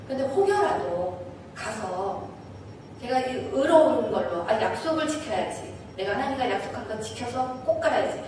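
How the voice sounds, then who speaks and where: Middle-aged woman, echoey church testimony. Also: medium pitch. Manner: earnest storytelling, acting out dialogues, laughs. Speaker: guest speaker giving testimony. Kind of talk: testimony sermon. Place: church sanctuary. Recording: echoey hall, distant mic, noise.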